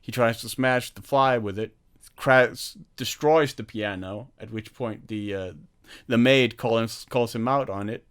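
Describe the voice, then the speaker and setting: Animated, laughing man on a film podcast. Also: mid-range voice, measured pace, hardly any pauses, clean tone. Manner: animated storytelling, laughs often. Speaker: podcast host. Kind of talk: casual film podcast chat.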